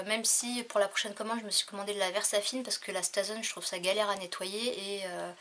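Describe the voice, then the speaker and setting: A woman chats through a crafting haul in a casual, hesitant way, filling pauses and letting her voice drop quietly at the ends of phrases. Her pitch sits in an ordinary middle range. A faint hiss and small clicks run behind her. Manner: hesitant, many fillers, trails off quietly. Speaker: crafting vlogger.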